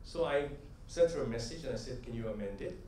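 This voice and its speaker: With lively intonation and a quick pace, a middle-aged man speaks in a mellow, medium-pitched voice during an anecdote-heavy conference talk. He frequently tags "right?" and works up to rhythmic, emphatic punchlines. The recording, from a distant mic in a large convention hall, is echoey with a little hiss or hum.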